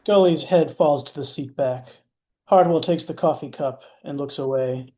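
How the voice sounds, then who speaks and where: A man's voice: a little high, normal speed, warm tone. A man narrating stage directions in a matter-of-fact way, with wry asides. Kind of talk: scripted narration.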